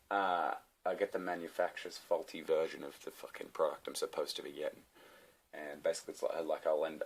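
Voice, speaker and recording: A young man with an Australian accent and a deep, low-pitched voice rants to his camera. His delivery is casual and rambling, peppered with swearing and sardonic asides. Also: a bit bright, husky. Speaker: comedian vlogger. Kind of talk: casual ranting monologue to camera.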